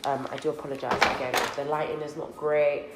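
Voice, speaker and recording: In a very noisy, reverberant recording from an indoor co-working office, a young beauty vlogger rambles chattily to her viewers as friends while applying makeup. Her low voice is flat and fairly quick, slightly nasal from a recent cold.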